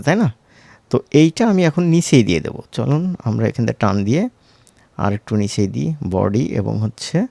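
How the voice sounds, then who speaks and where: Here a tutorial instructor with a Bangladeshi Bengali accent talks his way through an informal screen-recorded software lesson, chatty and often checking in with short question tags. His mid-range voice is creaky and mellow, and the recording has no echo.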